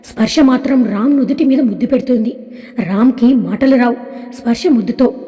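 High-voiced woman storyteller. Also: fairly quick. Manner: steady storytelling. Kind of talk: scripted story narration. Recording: long hall reverb.

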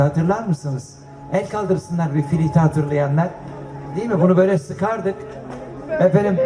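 An older man chatting casually to an audience as a guest, telling jokey anecdotes. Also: high voice. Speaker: guest speaker and collector. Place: festival stage before an audience. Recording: echoey live event sound.

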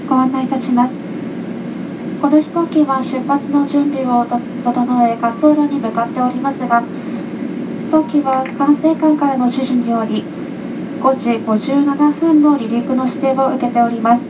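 A woman's voice: high voice, steady tone, normal speed, recorded from a distance. A woman making a polite, formal flight attendant's announcement over an aircraft PA. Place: aircraft cabin speakers, engine noise behind. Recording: muffled aircraft PA with loud cabin noise.

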